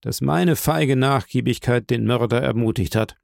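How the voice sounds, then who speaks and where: A man's voice: mid-range voice, vocal fry, darkish tone, dry recording, studio quality. A man reading a firm, grave doctor. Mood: resolute. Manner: firm, measured.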